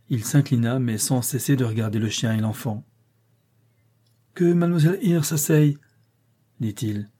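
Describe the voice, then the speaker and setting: A man reading a classic novel aloud as an audiobook in a measured, even way. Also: mid-range voice, husky. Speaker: audiobook reader. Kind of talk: scripted narration.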